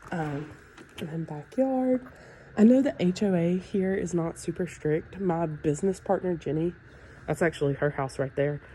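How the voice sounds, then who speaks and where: Over a rough recording with slight background noise, a woman with a fairly low, congested voice tours a home as a real estate agent. Her nasal tone comes from a sinus infection. She keeps things casual and chatty, using fillers like "um" and "like".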